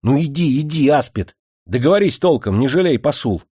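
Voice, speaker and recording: A man's voice: medium pitch, lively intonation, normal speed, dark tone, husky, dry recording, studio quality, pitched above the performer's own voice. A man voicing an impatient, lovesick young landowner who keeps exclaiming. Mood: excited. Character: boisterous young male landowner, lovesick and spoiled. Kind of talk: audiobook character voice.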